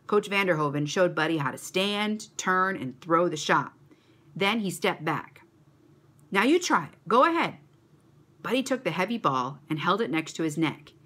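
A woman reading a children's story aloud to a church kids' club, expressive and animated. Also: fairly low pitch, moderate pace.

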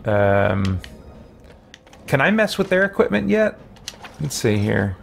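The same forties streamer, at home in a small shelved room, thinks aloud hesitantly about his game. His gravelly mid-range voice swings widely in pitch and moves slowly, with a faint hiss or hum on the recording.

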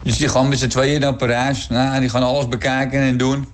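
A man's voice: medium pitch, little pitch movement, fairly quick. A middle-aged man with a Dutch accent telling jokes on a radio show, switching voices for the characters. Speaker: joke teller on radio show.

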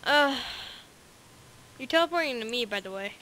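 A woman chatting casually while playing a game, excitable, with quick bursts of chatter. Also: a little high, a little hiss or hum. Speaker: gamer co-host. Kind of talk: casual gameplay chat.

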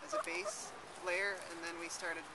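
A woman's voice: fairly low pitch, very animated, normal speed. A young woman who runs an urban farm, answering interview questions in a thoughtful way with many fillers and restarts. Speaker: urban farmer. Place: outdoors in a city garden. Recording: loud outdoor background noise.

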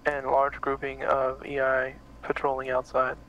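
A man's voice: medium pitch, completely flat delivery, measured pace, highs cut off, slight background noise. A man reporting as a squad leader in a military game, in terse radio updates.

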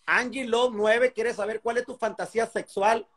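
A man's voice: very high voice, fairly even intonation, moderate pace, a bit bright. Crude joking Mexican man on a video call. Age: 40s. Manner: crude, joking, heavy profanity. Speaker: host of a live video chat. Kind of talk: casual chat and joke telling. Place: indoors at home.

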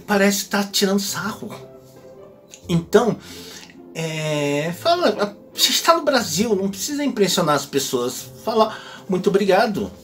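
A man's voice: high voice, lively intonation, moderate pace, a bit bright, soft background music. A man hosting a casual advice vlog, chatty and ending phrases with tag questions. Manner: acts out quoted speech in exaggerated voices. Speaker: host.

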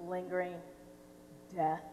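On a theatre stage, captured from afar in a noisy, echoey hall, a young woman plays a smug, obstructive female DMV clerk in a comedy. Her lowish voice keeps a level tone, and she draws out her lines with deliberate pedantry. She could be a teenager or a young adult.

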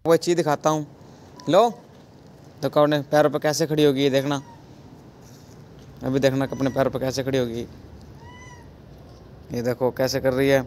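A man's voice: mid-range voice, level tone, normal speed, pauses often, a little mellow, a little hiss or hum. A man vlogging outdoors, talking casually and coaxing animals in a playful voice. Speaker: vlogger feeding monkeys. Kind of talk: casual vlog narration.

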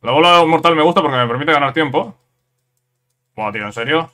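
A man from giving casual let's-play commentary on a fighting game, excitable, repeating words in quick bursts and ending phrases with "eh?". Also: on the high side. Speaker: gameplay commentator.

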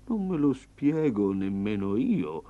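A man voicing a proud yet timid male water buffalo who explains things slowly and self-importantly in a storybook reading. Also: lowish voice, very animated, warm tone. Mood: condescending. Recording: slightly dull lo-fi.

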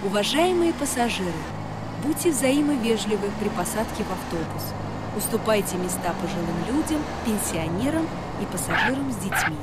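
A woman reading scripted public transport announcements in a formal, deliberate airport-announcement manner. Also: mid-range voice, big pitch swings. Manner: formal, deliberate, stop-by-stop phrasing with lifted key words. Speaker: bus stop announcer. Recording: heavy vehicle noise over recorded announcement. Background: loud bus interior and engine noise.

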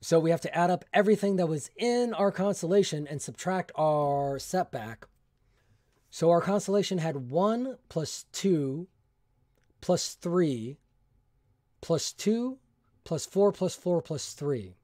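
A man's voice: on the high side, expressive, slow, warm tone, no room sound, studio quality. A man hosting a solo tabletop game who is getting over a cold, reading prompts aloud and chatting in a self-deprecating way about his dice and choices. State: recovering from a cold.

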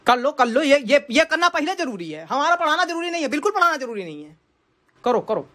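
A woman's voice: high-pitched, very animated, brisk, fairly bright tone. A woman playing a flustered, short-tempered male math teacher who grumbles and rants in exasperation. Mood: fed up. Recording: noisy home recording.

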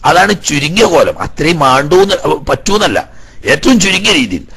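A man teaches a religious law class. His voice is bright and a little husky, and it sits somewhat high. He reads short Arabic phrases, explains each one, and puts rhetorical questions to his listeners. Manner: explains Arabic text line by line, then paraphrases. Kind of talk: Islamic law class lecture.

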